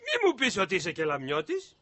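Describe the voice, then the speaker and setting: An actor playing a nosy, jovial visitor from the countryside who quizzes a stranger in a sitcom. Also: male voice, high voice, wildly swooping pitch, bright, forceful tone, exaggerated voice. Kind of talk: sitcom acting.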